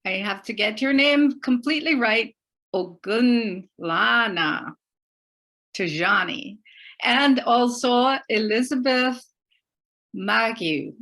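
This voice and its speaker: A middle-aged woman from Barbados hosting a community talk show, speaking slowly and carefully with many fillers. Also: fairly high pitch, a bit bright. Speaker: host.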